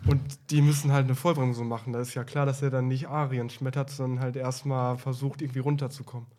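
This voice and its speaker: Even-toned, mellow male co-host in echoey space. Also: medium pitch, fast talker. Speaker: podcast co-host. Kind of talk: casual discussion. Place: echoey space outside a studio.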